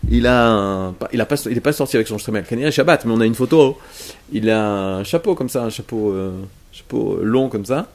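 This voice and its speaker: A man's voice: on the low side, lively intonation, fairly quick, darkish tone. A man teaching a religious lesson to a class, speaking emphatically, explaining as he goes and often repeating himself or restarting his phrases. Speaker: Torah teacher.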